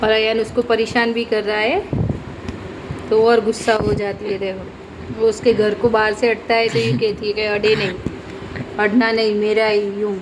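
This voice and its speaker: A woman's voice: a little high, little pitch movement, moderate pace, background noise. A woman narrating her day at home in a chatty family vlog, coaxing her pet now and then. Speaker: family vlogger.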